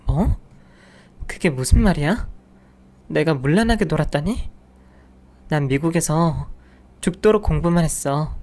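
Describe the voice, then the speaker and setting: A man's voice: a little high, lively intonation, normal speed, long pauses, a little mellow. A man voicing a betrayed wife who pleads and protests, read for a story radio segment. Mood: shocked. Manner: pleading, indignant. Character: hurt betrayed wife, pleading then shocked.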